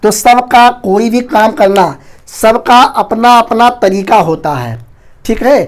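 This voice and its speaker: A man teaching an online exam-prep Hindi lesson, talking very fast and loudly and often calling the viewers his friends. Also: high voice. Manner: fast, rapid-fire delivery; loud, near-shouting teaching.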